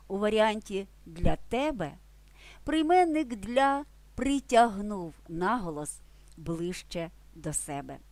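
A woman teacher explaining grammar rules slowly and deliberately, stressing each example. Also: medium pitch, darkish tone. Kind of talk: grammar lesson.

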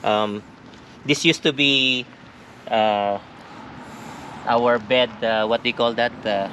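A man in his forties casually demonstrating something in a vlog, talking haltingly with many fillers and restarts, recorded outdoors by a parked car on an action camera. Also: mid-range voice, fairly even intonation, a bit bright, a little hiss or hum, low-quality recording. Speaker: vlogger. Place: outdoors in a parking lot by a car.

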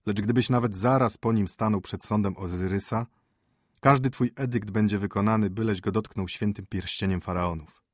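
A dutiful royal chancellor, steady and formal, speaking in a subdued and respectful way, as a male narrator puts him on. His voice is low and husky. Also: moderate pace, no room sound, clean studio sound, lightly acted.

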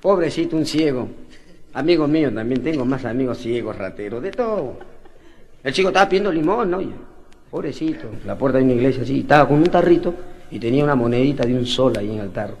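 A man telling street jokes in lively, slangy stand-up style, swinging his voice up and down. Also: medium pitch, quick pace. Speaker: comedian.

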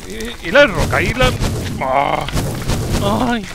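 A man from Spain, doing let's play commentary, muttering in frustration and bursting into yells. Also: sits high, animated, takes it slowly, creaky, very noisy. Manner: exasperated, muttering to himself, bursts of yelling. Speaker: gaming YouTuber. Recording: loud game music behind voice. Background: loud game music.

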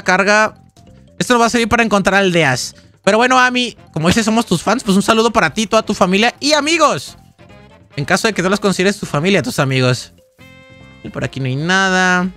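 A man streaming a game speaks in a high-pitched, bright and forceful voice. Between jokes and rambling casual talk, he reads out viewer donations and chat.

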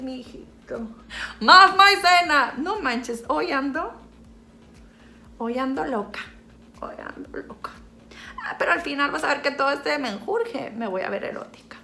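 A woman's voice: fairly high pitch, a bit bright, a little hiss or hum. A woman from Sinaloa, Mexico, with a Sinaloan Mexican accent, chatting playfully through a makeup tutorial, teasing and joking about herself as she goes. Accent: Mexican Spanish (Sinaloa). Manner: playful, teasing, self-mocking, talks to an off-camera helper. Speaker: vlogger. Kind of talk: casual makeup tutorial chat.

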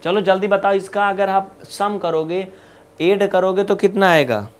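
A man teaches basic algebra in a live online class, his voice sitting high for a man. He talks briskly and coaxingly, pushing students to answer quickly and scolding them playfully now and then. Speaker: maths teacher.

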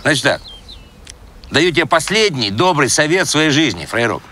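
An actor playing a menacing small-time gangster who threatens in patronising street slang. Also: male voice, fairly high pitch, very animated, normal speed, noisy background. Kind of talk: screen comedy-drama acting. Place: outdoors by a car in woods.

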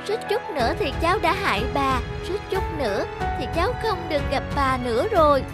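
A sweet, naive little girl in a fairy-tale cartoon. The voice is very high, polite and childlike, with music clearly playing underneath. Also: lively intonation, brisk. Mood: remorseful. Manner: bright-eyed, polite, childlike.

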